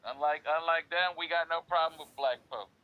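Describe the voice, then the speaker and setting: A man's voice: fairly high pitch, brisk, bright, forceful tone, rough recording. A man with a New York accent hosting a casual chat, laid-back and joking, stretching words for emphasis. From United States. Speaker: host.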